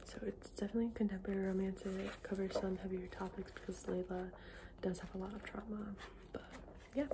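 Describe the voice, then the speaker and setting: A woman speaks in a soft, fully unvoiced ASMR whisper at a medium pitch. Her delivery is informal and halting, like a casual book chat that often trails off. The recording carries clear background noise along with small clicking sounds. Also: little pitch movement. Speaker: ASMR book video creator.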